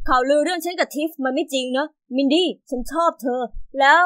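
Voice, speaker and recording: Brief: woman doing a kind, teasing teen boy skater for an animated story, bright and high. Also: brisk, dry recording, clean studio sound.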